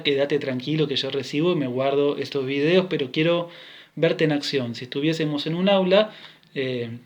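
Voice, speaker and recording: Rioplatense male music teacher, recorded class, sings and counts beats, a bit high-pitched. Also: highs cut off. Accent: Rioplatense Spanish. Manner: sings rhythm syllables and counts steps while explaining.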